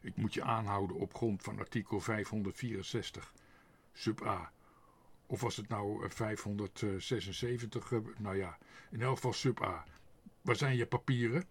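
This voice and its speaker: Man voicing a police dog, storybook, officious, stern, fumbling, very breathy, lively delivery. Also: fairly low pitch, moderate pace. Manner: officious, fumbling for formal words. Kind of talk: storybook reading.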